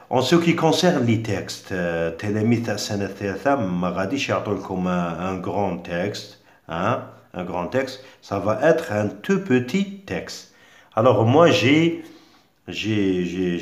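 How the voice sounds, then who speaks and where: Slow, lively-pitched man teaching French. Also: reverberant. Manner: patient and repetitive, spells out letters, many fillers. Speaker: primary school French teacher. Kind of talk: exam revision lesson.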